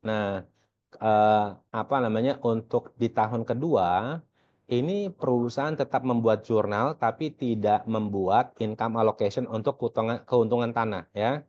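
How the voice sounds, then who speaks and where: An Indonesian accounting lecturer, unhurried and a little mellow with a voice on the low side, explains a worked exercise conversationally. He regularly answers his own questions and tosses in check-in tags, and the recording is dull and lo-fi.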